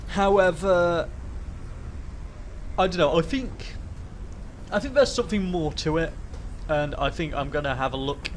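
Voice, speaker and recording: Hosting a casual let's play while he has a cold, this man talks in a slightly high voice, a little slowly, pausing often against slight background noise. His gameplay commentary rambles and hesitates, full of restarts and self-corrections as he thinks aloud.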